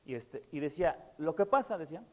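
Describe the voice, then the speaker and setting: Man, pastor preaching, high voice, long church reverb, earnest, repeats words. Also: expressive, a little fast. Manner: earnest, repeats key words, many fillers. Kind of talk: sermon.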